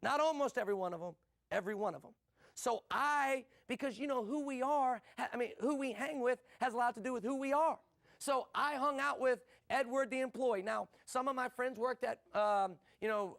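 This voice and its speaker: A middle-aged man from the USA delivers a motivational business talk. His voice sits high and has a gravelly edge, and he drives his points with rhetorical questions and short repeated lines. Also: a bit bright. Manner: rhetorical questions and quick punchy repetition. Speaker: business speaker.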